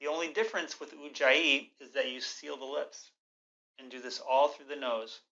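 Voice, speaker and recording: A man teaches a yoga breathing practice with a clear-cut bright tone and mid-range pitch. He explains and guides in a measured, gently instructive manner. The recording is a little dull and lo-fi. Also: steady tone.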